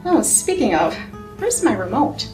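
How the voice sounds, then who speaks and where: Breezy, animated female pal played by a woman. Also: fairly high pitch, a little slow, music in the background. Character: breezy, reassuring female friend pushing a gadget. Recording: echoey room, distant mic.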